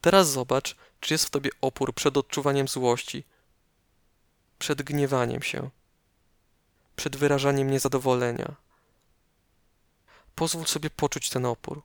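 Speaking slowly and calmly at a medium pitch, a man guides a meditation with measured instructions and pauses. He sounds close, as if right at your ear, and the recording is dry.

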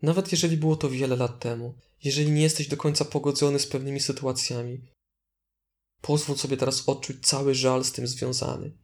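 A man guides a meditation session as the instructor, his mid-range voice calm and deliberate as he offers gentle prompts.

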